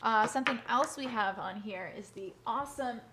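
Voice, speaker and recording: Fast-talking, bubbly woman host. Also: on the high side, background noise. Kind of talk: live social-media conversation.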